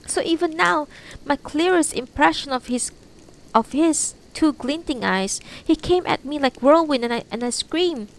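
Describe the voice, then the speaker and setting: Woman reading as shaken, high-voiced young lady witness. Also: lively intonation, unhurried, poor audio. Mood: agitated. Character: shaken, discreet young Japanese lady recounting an intruder. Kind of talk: audiobook-style character reading. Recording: noticeable background noise.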